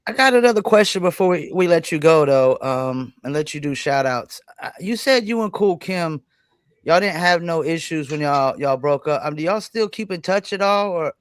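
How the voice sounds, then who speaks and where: A man's voice: fairly high pitch, animated, normal speed, clear, resonant tone, dry recording. A man in his forties co-hosting a casual interview, asking questions in a laid-back way. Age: 40s. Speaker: podcast co-host.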